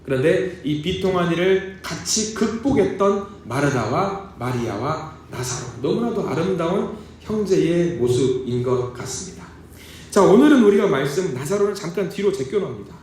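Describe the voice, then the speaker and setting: Lively male pastor in an echoey church. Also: on the high side, normal speed, slight background noise. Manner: animated, conversational, asks the congregation questions. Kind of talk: sermon. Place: church sanctuary. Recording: echoey church hall heard from a distance.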